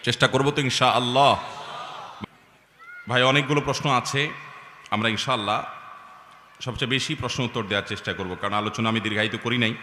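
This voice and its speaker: A man's voice: fairly low pitch, pushed and bright, roomy sound, big-room sound, slight background noise. A middle-aged man preaching a sermon to a large gathering, with emphatic rising and falling delivery.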